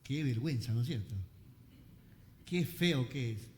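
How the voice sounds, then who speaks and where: A male pastor preaching a fervent sermon in a church, calling his listeners brothers and building to shouts. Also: medium pitch, unhurried, long reverb tail.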